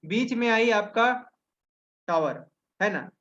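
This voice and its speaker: A man with a high voice gives a webinar lesson. He keeps posing questions and answering them himself, tagging on check-in questions. The audio comes through a dull, lo-fi video call. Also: animated, slow, a bit bright. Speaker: webinar trainer. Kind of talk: explanatory teaching talk.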